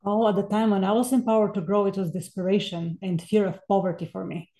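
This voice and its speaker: A woman in her forties, originally from Bulgaria, talks through her story as a podcast guest in an earnest, reflective way. Her voice is mellow and warm. The recording has a roomy echo. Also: medium pitch, steady tone, quick pace. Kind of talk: podcast interview.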